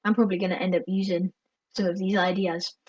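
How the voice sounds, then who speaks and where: A woman's voice: on the low side, flat delivery, fast talker, darkish tone, slightly rough, no echo, recorded from a distance, highs cut off. A woman co-hosting a casual podcast, rambling and filling her talk with "like" and "kind of.". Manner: rambling, heavy use of "like" and "kind of". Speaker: podcast co-host.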